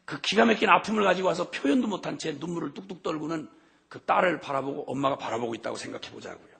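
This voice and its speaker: A middle-aged man preaching a sermon with passion, his voice swinging from hushed to shouting. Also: on the high side, fast talker, vocal fry, breathy edge. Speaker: missionary preacher.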